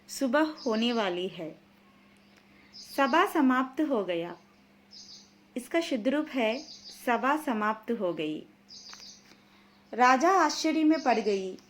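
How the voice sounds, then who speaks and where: Slow, high-voiced woman teaching grammar. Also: fairly bright tone. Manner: slow, measured reading of sentence corrections. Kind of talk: grammar lesson reading examples.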